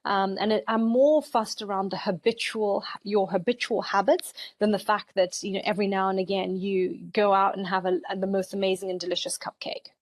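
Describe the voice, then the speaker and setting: A woman's voice: medium pitch, steady tone, moderate pace, few pauses, no room sound. A woman in her forties from Zambia, a dietitian talking conversationally in a podcast interview, with many "you know" fillers. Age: 40s. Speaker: dietitian guest.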